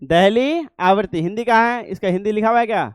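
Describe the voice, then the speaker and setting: A man's voice: sits high, a little fast, clean tone, no room sound, clean studio sound. A middle-aged male teacher giving a classroom lecture, often stopping to ask the class whether they follow. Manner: keeps asking the class checking questions.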